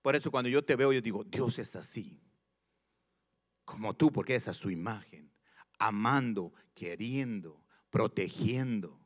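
A man preaching a sermon, reading scripture slowly and with emphasis, repeating phrases and putting questions straight to his listeners. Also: lowish voice, lively intonation. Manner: addresses listeners directly with questions.

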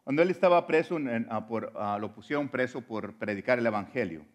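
A man's voice: medium pitch, lively intonation, a little fast. A man preaching a sermon. He speaks earnestly and directly to his listeners, often restarting words, and grows more fervent and emphatic.

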